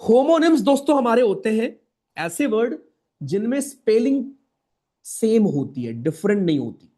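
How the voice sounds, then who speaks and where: Young guy with a hindi accent teaching an online class, highish voice, keeps asking "right?" and repeats stuff. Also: big pitch swings, moderate pace, mellow. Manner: chatty, addresses students as brothers and friends; repeats key points, asks "right?" often.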